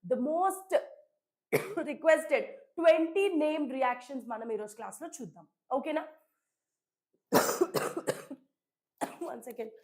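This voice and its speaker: A woman teaching chemistry in a live online class, speaking, hoarse and coughing from a sore throat, chatty and checking in with students often. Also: high-pitched, expressive, extremely slow, long pauses. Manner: chatty, keeps checking in with "okay?". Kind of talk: live online class, Telugu-English mix.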